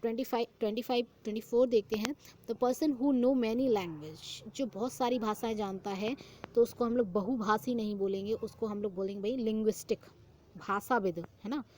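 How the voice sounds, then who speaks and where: In this exam-prep vocabulary class, a young woman reads English phrases at a slow pace and explains them in Hindi, frequently turning the answer into a question. Her pitch is somewhat high and a little mellow, with slight background noise.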